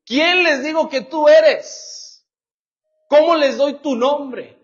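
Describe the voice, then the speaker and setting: A man's voice: very high-pitched, takes it slowly, pitched above the performer's own voice. A pastor voicing a hesitant, self-doubting male prophet who pleads excuses. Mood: pleading. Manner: pleading, unsure. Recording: dull lo-fi church recording.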